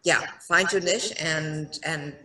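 A middle-aged South African actress, the guest in a casual video-call interview, speaks in a low female voice and takes it slowly. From a bright room, over a headset, she comes across relaxed and self-deprecating, full of ums, and the call audio sounds roomy and distant.

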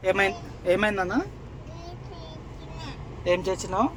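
A young woman talking gently to her small child in a casual home video, coaxing and repeating herself. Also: medium pitch, little pitch movement, a little slow, poor audio. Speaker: mother talking to her toddler. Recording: outdoor street noise with traffic.

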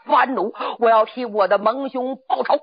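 Woman playing vengeful warrior man in a storyteller's battle tale: gravelly, dramatic, declamatory, muffled audio. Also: on the high side, normal speed. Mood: defiant, furious. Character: vengeful, loyal male Song warriors in battle. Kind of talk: storytelling character acting. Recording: dull lo-fi recording.

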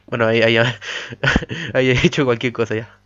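A man's voice: mid-range voice, fairly even intonation, moderate pace, a bit bright. A man giving chatty let's play commentary while mining, humming "pa pa pa" to himself. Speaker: gamer. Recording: dull lo-fi mic audio.

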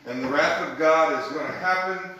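A man's voice: fairly high pitch, normal speed, heavy reverb, background noise. A man leading a Bible study in a church room, teaching conversationally and emphatically and often checking in with his group.

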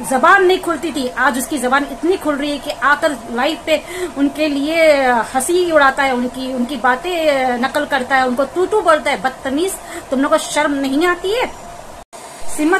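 A woman's voice: high voice, noisy background. A woman vlogger delivering an indignant, scolding commentary rant aimed straight at the person she criticizes. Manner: scolding, indignant, addresses the target directly.

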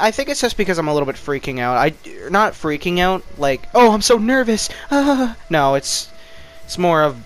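A man's voice: fairly high pitch, fairly bright tone, a little hiss or hum. A man giving casual commentary over his own gameplay, rambling and mocking himself, jittery from too much caffeine. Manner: rambling, self-mocking talk. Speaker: gaming YouTuber.

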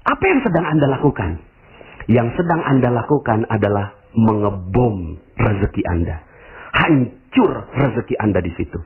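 A man preaching a motivational religious talk, animated, acting out quoted voices and addressing his listeners directly. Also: normal speed, a crowd in the background. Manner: animated, acts out quoted voices with big pitch jumps; addresses audience as Bapak Ibu. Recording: tinny phone-like audio message.

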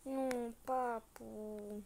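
A woman's voice: fairly high pitch, fairly even intonation, extremely slow, gravelly, darkish tone, slight background noise. A woman giving casual commentary while playing a video game, chanting repeated playful taunts at things on screen. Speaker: gamer.

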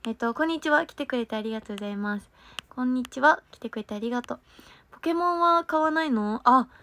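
A woman's voice: high voice, fast talker, sharp tone, a little hiss or hum. A young woman hosting a casual livestream, rambling and thanking viewers, her diction slightly slurred. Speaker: livestream host and stage performer.

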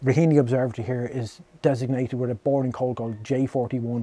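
A man in his fifties with a Dublin Irish accent, explaining in a measured way as an amateur astronomer in a documentary interview. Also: mid-range voice, dark tone, no room sound. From Ireland. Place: open-roofed backyard shed observatory. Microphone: lapel mic.

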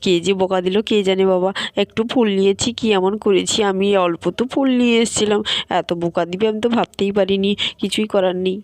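A woman doing chatty Durga, a lively young woman. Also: mid-range voice, fast talker, no echo, close to an everyday voice. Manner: lively, exclaiming. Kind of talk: doll-play storytelling.

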